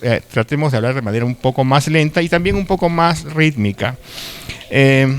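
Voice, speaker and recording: Fairly high-pitched and smooth, the voice belongs to a Peruvian man speaking with a Lima accent. Lecturing a university class live, he keeps things conversational, regularly checking in with tag questions and occasionally stuttering or restarting a word.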